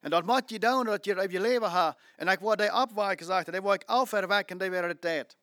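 A man's voice: sits high, brisk, bright, forceful tone, no room sound, clean studio sound. A man preaching a sermon, emphatic, repeating phrases and asking rhetorical questions.

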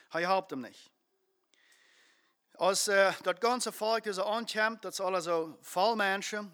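A man's voice: sits high, bright, forceful tone. A man preaching a sermon, telling a story earnestly and with emphasis, with frequent fillers as he goes.

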